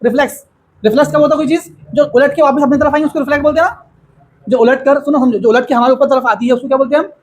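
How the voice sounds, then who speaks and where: Speaking at an extremely high pitch in a steady tone, a man walks students through a grammar lesson slowly and keeps questioning them. The recording is rough, with slight background noise.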